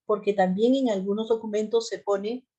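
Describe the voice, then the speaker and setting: A woman from the central highlands of Peru with an accent from that region, giving a conversational lecture as a health care trainer, with fillers and rhetorical questions. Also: steady tone, moderate pace, mellow, highs cut off. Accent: Peruvian central highlands Spanish. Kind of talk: classroom lecture.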